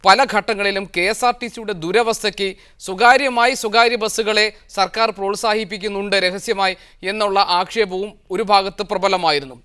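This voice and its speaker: A man's voice: sits high, sharp tone, clean tone. A male news anchor putting long, formal questions to panel guests.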